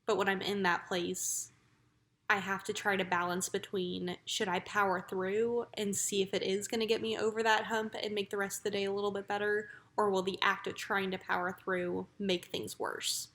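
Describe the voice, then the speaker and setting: Casting: woman, casual vlogger, mid-pitched and level in intonation, reflective and plain-spoken. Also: flat delivery, normal speed, fairly bright tone. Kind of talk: casual personal vlog.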